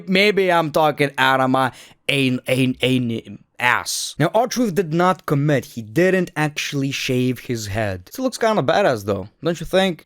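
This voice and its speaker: A man's voice: mid-range voice, no echo, clean studio sound. A man hosting casual, opinionated wrestling reaction commentary, joking, sarcastic and swearing freely.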